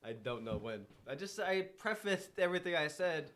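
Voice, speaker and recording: A man on a casual podcast making wry, deadpan asides. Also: fairly high pitch, moderate pace. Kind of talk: casual chat.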